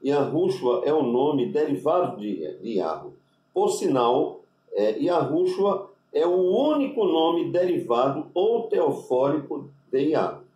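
A man with a Brazilian Portuguese accent, a rabbi giving an unscripted religious lesson, deliberate and spelling out Hebrew letters with constant tag questions. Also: a little high, big pitch swings, dark tone, far from the mic, highs cut off. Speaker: rabbi teaching Hebrew names. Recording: echoey room, voice off-mic.

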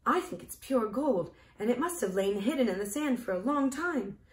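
A woman's voice: on the high side, animated, normal speed, voice pushed up, natural voice. A woman voicing an earnest, curious young farm girl in a storybook reading, with a raised, wide-eyed tone, in a roomy, echoey recording. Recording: roomy echo.

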